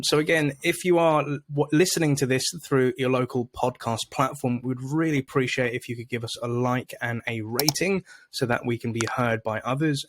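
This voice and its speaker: A man's voice: mid-range voice, no room sound. A man hosting a podcast, upbeat and chatty as he introduces his guest. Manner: upbeat, chatty, many fillers. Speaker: podcast host. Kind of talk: casual interview.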